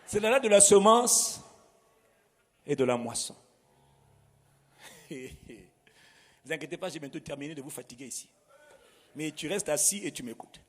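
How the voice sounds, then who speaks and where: A man's voice: a little high, sing-song, normal speed, pauses often, in a large hall, slight background noise. A man preaching a sermon. He preaches emphatically, asking the congregation to repeat words after him. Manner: emphatic, call-and-response preaching. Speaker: pastor.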